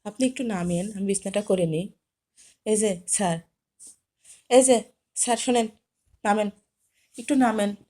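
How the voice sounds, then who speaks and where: A woman's voice: medium pitch, a little slow, pauses often, mellow. A woman vlogger talking to camera while coaxing and scolding her cat to get off the bed. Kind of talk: casual chat to camera.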